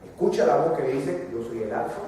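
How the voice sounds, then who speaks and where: A man from Panama preaching a sermon, walking the audience through a fill-in worksheet and building to emphatic, drawn-out repetitions. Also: mid-range voice, animated, mellow, a little hiss or hum. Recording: echoey hall from a distance.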